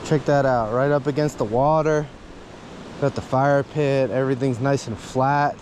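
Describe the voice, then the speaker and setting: A man's voice: mid-range voice, fairly even intonation, darkish tone, a little hiss or hum. A man vlogging a hike with his dog, chatting casually and cheering the dog on, recorded outdoors by a creek. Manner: chatty, laid-back, talks to his dog. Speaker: hiking vlogger. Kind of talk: casual outdoor vlog narration. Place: outdoors by a rushing creek in pine woods. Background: rushing creek water.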